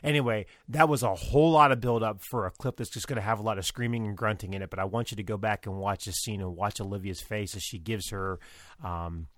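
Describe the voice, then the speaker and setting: A man's voice: on the low side, fairly even intonation, fast talker, no echo. A man casually talking through his thoughts on a TV episode, rambling with many restarts. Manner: rambling, lots of fillers and restarts. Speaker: show reviewer and host. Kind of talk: casual commentary on a TV show.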